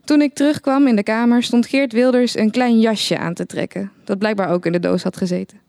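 A woman narrating a satirical short story in the first person, with a dry, deadpan manner. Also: on the high side, brisk, vocal fry, dry recording.

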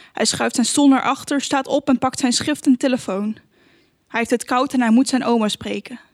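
A woman narrating an audiobook in a calm, measured, even reading voice. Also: a little high, no echo, studio quality. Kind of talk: scripted narration.

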